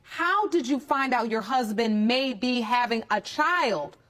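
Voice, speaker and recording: A woman's voice: a little high, animated, measured pace, fairly bright tone. A woman presiding as judge on a courtroom show, firm and questioning.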